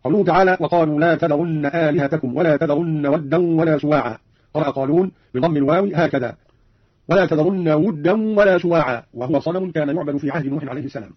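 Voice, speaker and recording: A man giving formal scripted explanations of Quran recitation readings, clearly enunciated, on an old radio recording. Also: a little high, racing, no echo, dull audio. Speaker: radio presenter of recitation notes.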